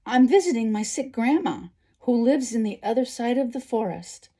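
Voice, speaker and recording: Lady doing an innocent trusting little girl in a fairy tale book, higher voice, soft n slightly husky, hesitant. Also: lively intonation, normal speed. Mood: friendly. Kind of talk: children's storybook read-aloud.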